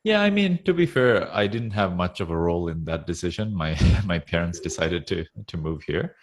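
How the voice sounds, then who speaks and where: Male guest in his 30s, very low voice, easygoing and chuckly, video-call audio. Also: normal speed. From Sri Lanka. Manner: relaxed, chuckles often, hesitant fillers. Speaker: interview guest. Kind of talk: casual interview talk.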